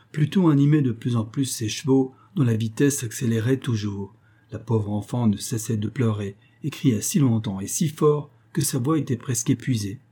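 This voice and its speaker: A man narrating a storybook in a measured, even way. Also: medium pitch, breathy edge. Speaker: audiobook narrator.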